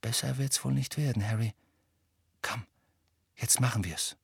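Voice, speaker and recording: Hushed quick teen girl, read by a male narrator, soft and hurried. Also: lowish voice, steady tone, slightly rough, no room sound, studio quality. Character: quick-witted teenage girl whispering plans.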